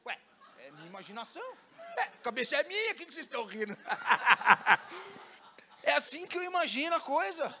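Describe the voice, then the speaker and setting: A São pastor preaching in a very high, bright voice. He tells the story casually and full of slang, acting out each scene as he goes. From Brazil. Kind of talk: sermon. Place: church.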